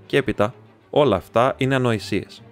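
A man's voice: medium pitch, faint music behind, lightly acted. Talkative young student , a man reading the part. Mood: chatty. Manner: rambling, chatty, teasing. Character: talkative young male student friend, warm and excitable.

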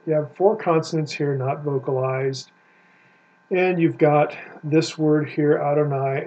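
A man's voice: on the high side, warm tone, slightly rough. Man explaining step by step, lo-fi. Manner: methodical, explanatory, points at the screen. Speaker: Bible scholar teaching Hebrew. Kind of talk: screen-share lecture. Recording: dull lo-fi sound with faint hum.

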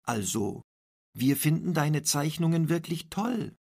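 A man voicing a kind middle-aged female school principal who speaks encouragingly, with a husky voice. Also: on the high side, lively intonation, a little slow, voice pushed up, heavily acted. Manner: warm, encouraging.

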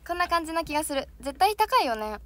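A woman's voice: high voice, very animated, quick pace. A young woman, an idol trainee, chatting casually and bubbly with viewers on a livestream, laughing often. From Japan.

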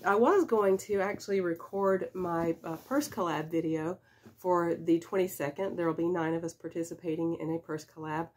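In a small indoor room stacked with shelves of boxes, a reseller vlogger in her fifties unboxes items, chatting in a leisurely way with small laughs and fillers despite a stuffy head cold. Her lowish voice is a little mellow, with a steady tone and moderate pace. A camera at desk distance records her.

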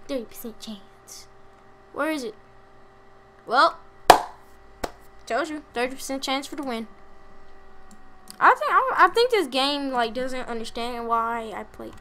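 A young woman giving casual, self-mocking commentary over her gameplay, chatty with sudden loud bursts of excitement. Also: a little high, slight background noise.

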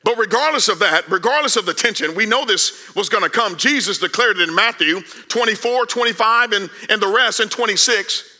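On a large church stage, a pastor in his forties delivers a sermon in a high-pitched voice at a brisk pace. He is animated and conversational, moving from loud calls to hushed asides.

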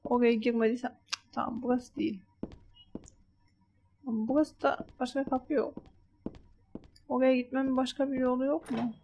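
A woman's voice: high voice, steady tone, normal speed, vocal fry, long pauses, dark tone, lo-fi sound, a little hiss or hum. A woman commenting on her own horror game playthrough, muttering, getting frustrated and scolding the game as she searches. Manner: frustrated, talks to herself and the game. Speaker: gameplay commentator. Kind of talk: let's play commentary. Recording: game music playing behind. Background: game music.

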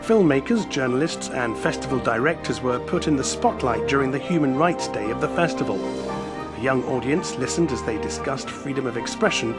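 A man reading a scripted news voice-over in a measured, even way. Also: mid-range voice. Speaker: news narrator. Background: loud music bed.

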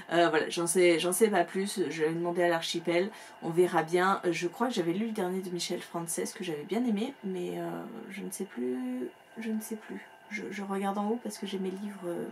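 A woman's voice: mid-range voice, a little hiss or hum. A woman book vlogger chatting casually and enthusiastically at home, using plenty of fillers as she goes. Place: home room with bookshelves.

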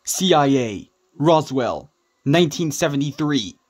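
A woman voicing a gruff, terse, deadpan male government agent in an amateur cartoon fan dub. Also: low-pitched, unhurried, heavily acted. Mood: dry, resigned.

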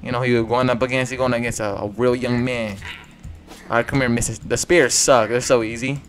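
A man's voice: mid-range voice, steady tone, a little fast. Young male gamer, muttered slangy commentary, faint music bed. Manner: mumbled, slangy running commentary. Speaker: gaming YouTuber. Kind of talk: casual gameplay commentary.

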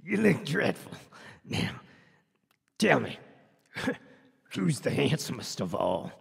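A man voicing a vain, boastful male wolf who shouts and laughs theatrically. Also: mid-range voice, big pitch swings, slow, creaky, husky, big-room sound, voice pushed up, exaggerated voice.

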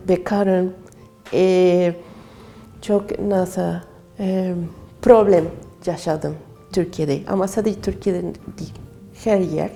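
Woman, foreign accent, broken learner's Turkish. Slow, halting, soft-edged mellow tone, interview over music. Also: medium pitch, creaky. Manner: halting, searching for words. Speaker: artist and craft student. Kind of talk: personal interview account.

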